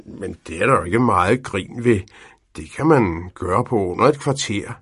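A man voicing a patient old male inventor in a storybook reading, speaking gently with hesitant pauses. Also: on the low side, lively intonation, husky, no echo, studio quality.

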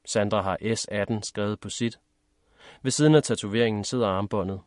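A man narrating a first-person story in a measured, steady reading. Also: fairly low pitch, no echo, clean studio sound. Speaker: audiobook narrator.

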